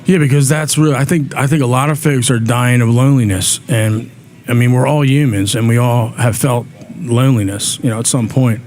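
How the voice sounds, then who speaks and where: With a steady, somewhat dark tone, a man speaks at medium pitch and a moderate pace. He's a talk show guest earnestly discussing community aid, repeating words as he thinks aloud. Faint background noise runs through the recording.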